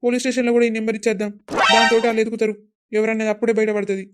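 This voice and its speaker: A woman's voice: a little high, little pitch movement, very fast, loud music behind the voice, natural voice. A woman voicing a worried young village husband in a cartoon, pleading anxiously in a Telangana Telugu accent.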